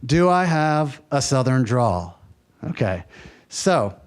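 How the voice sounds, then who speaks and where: A man with a sing-song, mid-range voice speaks at a slow pace while presenting a workshop lecture in a workshop room. Hailing from the mountain region of the American South, he keeps things conversational and lightly humorous and checks in with his audience.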